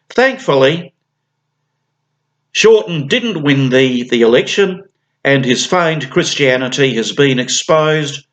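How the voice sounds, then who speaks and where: Slow, sardonic man hosting. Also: medium pitch, rough recording. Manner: sardonic, mock-ceremonial announcing. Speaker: podcast host. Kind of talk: scripted monologue.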